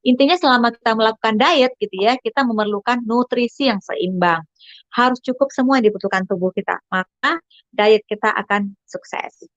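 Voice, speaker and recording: A woman's voice: a little high, normal speed, dry recording, lo-fi sound. A woman diet coach, giving a chatty online class lecture and often addressing listeners as friends.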